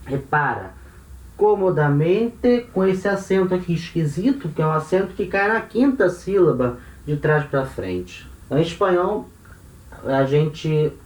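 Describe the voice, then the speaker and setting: A language teacher with a Brazilian Portuguese accent patiently explains grammar, often checking in with tag questions. His voice is on the high side with a darkish tone, recorded in an echoey room far from the mic.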